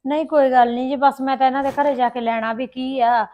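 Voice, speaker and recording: A woman's voice: high-pitched, steady tone, fast talker, darkish tone, lightly acted. A woman playing a dutiful village wife in an amateur short film, explaining herself a little defensively. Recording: dull lo-fi sound.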